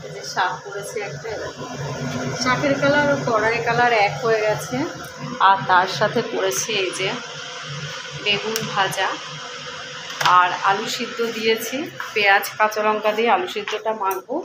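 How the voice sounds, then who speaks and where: Recorded on a phone camera in her home, a middle-aged woman vlogs casually as she cooks, occasionally breaking off to sweet-talk her dog. She speaks at a normal pace in a mid-range voice, pausing often, with noise in the background.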